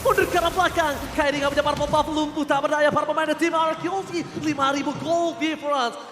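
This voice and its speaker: A man shoutcasting an esports match live, with an excitable fighting game announcer delivery. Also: extremely high pitch, racing. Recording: echoey hall reverb, loud music behind.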